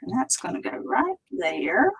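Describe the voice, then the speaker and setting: A woman hosts a live stamping tutorial, chatting and thinking out loud as she works, sometimes dropping to a near whisper while her hands are busy. Her voice is a little high, sing-song, unhurried, and slightly rough, and the recording is rough.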